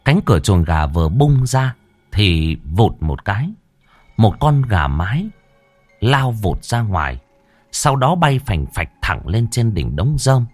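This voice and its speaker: A male storyteller with a deep voice narrates a horror tale, his pitch rising and falling in a lively, dramatic way. The recording is dry and close to the mic, with no room sound. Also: slow, no room sound, faint music behind.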